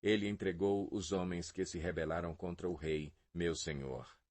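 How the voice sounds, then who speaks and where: A man's voice: low-pitched, fairly even intonation, normal speed, a little mellow, no room sound. A man reading the lines of a young messenger bringing news to a king, in a Bible audio reading. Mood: respectful.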